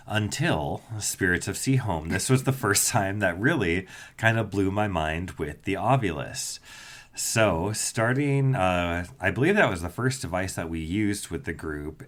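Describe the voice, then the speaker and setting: Low-voiced man hosting a ghost podcast. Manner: skeptical, explanatory, easygoing. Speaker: podcast host, ghost tour guide. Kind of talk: casual podcast chat.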